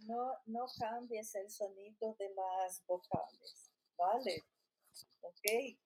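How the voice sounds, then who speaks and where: A woman tutoring Spanish pronunciation, calmly correcting her student and repeating words back to her. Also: medium pitch, slow, husky, rough recording. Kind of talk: patient one-on-one correction.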